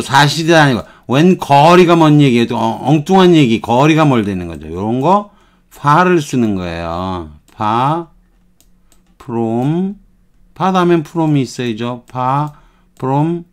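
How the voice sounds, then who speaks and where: A man giving an English lesson, explaining phrases patiently and repeating them over and over. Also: on the high side. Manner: unhurried, repeats phrases, drifts between Korean and English. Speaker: English teacher.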